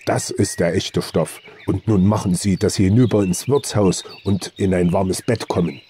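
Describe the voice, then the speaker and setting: A man's voice: low-pitched, steady tone, moderate pace, warm tone, slight background noise, natural voice. A man reading an audiobook, voicing a good-natured old male forest hunter with folksy, earthy speech. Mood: hearty.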